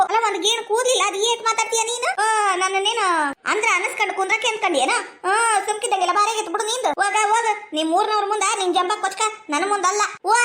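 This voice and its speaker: A woman speaks in a very high, quick voice with a North Karnataka Kannada accent. She boasts and bickers as she plays village women in a comedy sketch, firing words off briskly. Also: fairly bright tone. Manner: bragging, quarrelsome, playing several village women.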